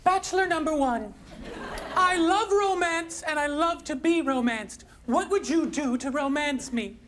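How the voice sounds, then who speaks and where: A man's voice: extremely high pitch, a little slow, some chatter behind. A man playing an overeager, flirty romantic contestant in an improvised stage comedy dating game. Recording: loud studio audience noise and laughter.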